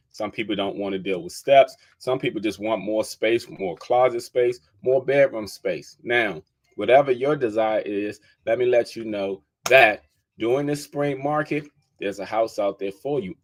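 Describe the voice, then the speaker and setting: Dc-guy hosting a podcast, chatty, says y'all a lot, keeps repeating his numbers. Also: lowish voice. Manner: conversational, addresses listeners as y'all, repeats figures for emphasis. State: keeps sneezing. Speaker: podcast host and real estate agent. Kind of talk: casual talk to listeners.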